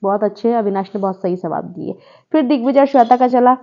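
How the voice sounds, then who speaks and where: A woman's voice: a little high, fast talker, a little mellow, dull audio. A woman giving a chatty, opinionated spoken review of a reality show, mixing English words into her talk.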